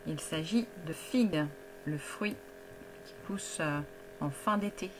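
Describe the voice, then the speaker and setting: A woman teacher giving a phonics lesson to a young child, speaking slowly and clearly and guiding each step. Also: low voice.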